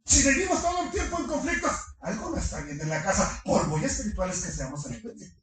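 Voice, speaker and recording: A middle-aged man preaching a sermon to his congregation, animated, firing rhetorical questions and slipping in humorous asides. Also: sits high, fast. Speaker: pastor. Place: large congregation hall. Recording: echoey hall from far off.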